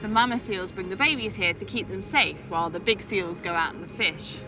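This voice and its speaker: A woman's voice: medium pitch, normal speed, over music. A woman presenting a travel documentary, talking casually to the camera.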